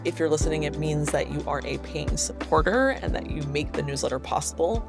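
A woman hosting a solo news commentary show, speaking in an earnest, emphatic way and stressing points by repeating words, on low-quality audio made without her usual microphone in a family home. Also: expressive, fairly quick, creaky, music in the background. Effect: low-quality audio recorded without her usual microphone. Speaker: podcast host and newsletter writer.

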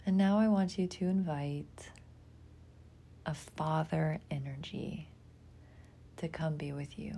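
A woman guides a meditation through calming imagery, her voice soft, breathy and gentle. She speaks in short, soothing phrases with long pauses between them. Her pitch is low and her intonation stays fairly even.

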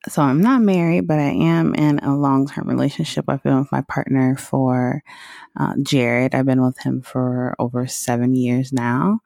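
Woman in her 30s, gravelly voice, dry close sound, chatty podcast host. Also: very deep voice, fairly even intonation, measured pace, mellow, dry recording. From Southern United States. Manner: candid and chatty, laughs often, loose with filler words. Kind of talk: casual podcast monologue.

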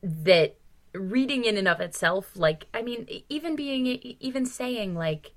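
On this book podcast, a female co-host with a high-ish, animated voice keeps a measured pace. Her opinionated, casual takes come out emphatic and exasperated, with plenty of swearing.

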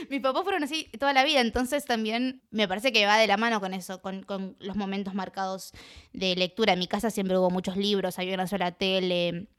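A woman's voice: medium pitch, moderate pace. Chatty Argentine woman telling stories. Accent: Argentine Spanish. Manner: animated anecdotal storytelling, laughs often. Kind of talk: casual conversation.

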